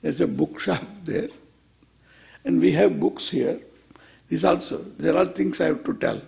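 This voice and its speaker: A man's voice: fairly high pitch, a little slow, vocal fry, darkish tone. A man with an Indian English accent gives an informal spiritual discourse as a swami, playful and wry, posing questions, answering them and repeating phrases for emphasis.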